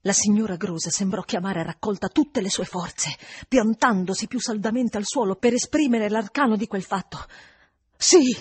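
Woman reading a novel out loud, kinda husky voice, steady expressive delivery. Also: medium pitch. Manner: measured, expressive reading of dialogue. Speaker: audiobook reader. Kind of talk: literary audiobook narration.

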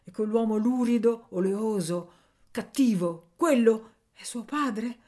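A woman's voice: fairly high pitch, slow, a little mellow, voice pushed up. A woman reading a novel aloud, voicing a frightened abandoned little boy who asks anguished, pleading questions. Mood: fearful.

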